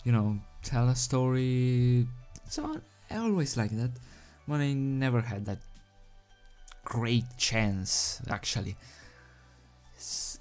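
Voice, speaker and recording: Over background music, this video host and fan fiction reader talks slowly and haltingly in a mid-range, slightly mellow voice. Using a desk mic without a pop filter, she rambles casually before shifting to storybook-style narration.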